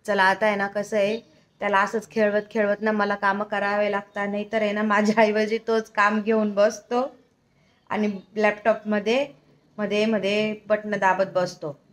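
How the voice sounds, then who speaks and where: A woman's voice: mid-range voice, little pitch movement, normal speed. A mother filming a casual home vlog in her bedroom, chatting to her small son in a sing-song baby-talk way. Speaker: mother and vlogger.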